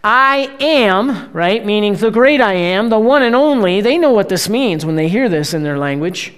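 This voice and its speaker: A preacher giving a sermon at an ordinary, middling pitch. The delivery is conversational and keeps checking in with the congregation. Emphatic, lifted bursts give way to quiet, drawn-out phrases. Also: expressive, clean tone. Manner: conversational preaching, frequent "right?" check-ins; swings between emphatic bursts and hushed, slowed phrases.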